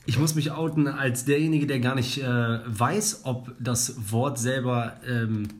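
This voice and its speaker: A young man co-hosting a casual podcast, speaking haltingly with many fillers as he searches for words. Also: medium pitch, steady tone. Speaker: podcast co-host.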